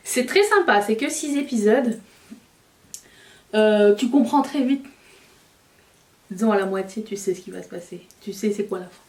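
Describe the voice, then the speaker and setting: Doing her makeup on camera, a woman vlogger talks casually and pokes fun at herself. Her medium-pitched voice is animated and a little mellow at a normal speed with frequent pauses, recorded from a distance in a reverberant space.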